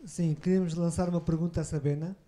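A man's voice: on the high side, steady tone, quick pace, mellow. A man with a European Portuguese accent, chiming in casually as a show's producer. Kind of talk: casual chat.

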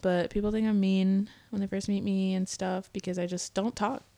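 A young woman co-hosting a casual podcast chat, talking candidly and dropping into quiet asides. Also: mid-range voice, level tone, normal speed, creaky. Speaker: podcast co-host.

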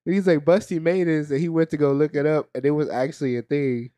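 A man's voice: fairly high pitch, quick pace, mellow, no room sound. A man co-hosting a podcast in casual, joking banter, rambling and trailing off mid-sentence. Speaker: podcast co-host.

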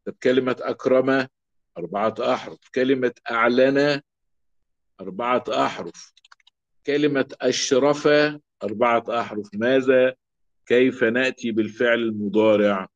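A man with an Egyptian accent teaches a grammar lesson, drilling example words by saying them again and again. His voice sits at an ordinary middle pitch, and the recording sounds slightly dull and lo-fi. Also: normal speed. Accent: Egyptian Arabic. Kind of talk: classroom lesson.

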